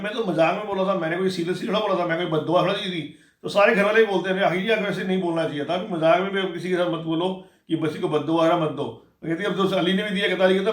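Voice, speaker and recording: A man giving a casual, animated spoken recap of a reality show episode, acting out what the contestants said. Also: high voice, reverberant. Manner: rapid, animated retelling, acting out quoted lines.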